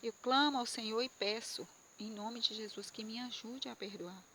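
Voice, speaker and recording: A woman's voice: on the high side, normal speed, pushed and bright, slight background noise. Earnest woman preaching testimony. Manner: earnest and emotional, with frequent fillers and repetitions. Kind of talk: personal testimony sermon to viewers.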